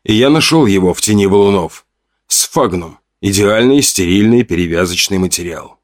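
A man narrating a first-person audiobook in a low, steady voice. The recording is close and dry, with no room around it. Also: normal speed, dry recording.

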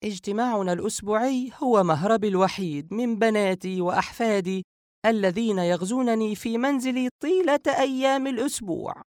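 A man's voice: sits high, big pitch swings, quick pace, no room sound, clean studio sound, voice pushed up. A man voicing an older woman, a grandmother who teases her brothers and frets over them in an audiobook. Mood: teasing. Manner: teasing, then anxious and insistent. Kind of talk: audiobook character voice.

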